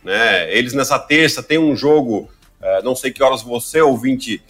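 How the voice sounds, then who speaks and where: A man who comments on basketball, talking through a podcast in a relaxed, conversational way. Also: medium pitch, normal speed, soft background music. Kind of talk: podcast chat.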